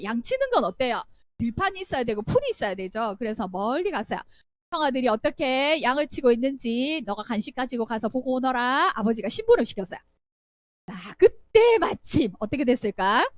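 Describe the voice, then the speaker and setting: A woman's voice: sits high, fairly quick, no echo. Young woman sunday school teacher, bouncy storytelling voice that swoops up and down. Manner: animated, acts out voices, asks children questions. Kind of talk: children's Bible storytelling.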